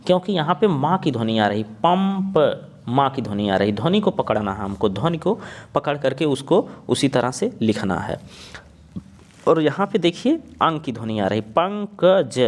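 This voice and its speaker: A young man teaching a spelling lesson, sounding out words and spelling them letter by letter. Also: a little high. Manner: spells out letters one by one, repeats words slowly.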